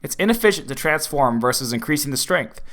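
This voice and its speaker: A man reading viewer comments aloud in a flat, matter-of-fact way. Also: fairly high pitch, fast talker. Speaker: comment reader.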